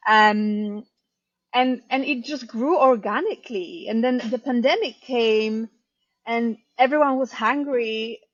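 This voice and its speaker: A woman in her thirties who grew up in Poland tells her story in a relaxed interview, chatty and unhurried. Her voice sits at an ordinary pitch. The sound is dry and a little dull, as if recorded close in a dead room. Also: dry recording. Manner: chatty, warm storytelling with frequent ums and light laughs. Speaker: bakery owner and head baker, guest. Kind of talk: casual interview answers.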